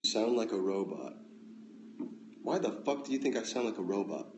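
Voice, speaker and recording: An American man hosting a casual phone livestream at home, reading out comments with relaxed, dry, offhand replies. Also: on the low side, moderate pace, dull audio, slight background noise. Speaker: livestream host. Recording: echoey room, faint ambience.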